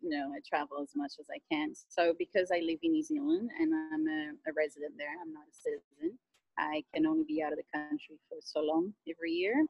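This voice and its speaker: A woman's voice: sits low, big pitch swings, fairly quick, vocal fry, slightly rough, dry recording, highs cut off, soft background music. A woman from Brazil, a guest chatting casually in an interview about travel.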